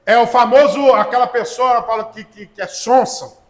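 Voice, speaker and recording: A man preaches a sermon in a strikingly high voice. He leans hard on slow, stressed phrases, then rushes through the follow-up, and calls on listeners by name. The room around him rings with echo. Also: steady tone. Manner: talks to the listeners directly, calling on people by name. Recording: echoey room.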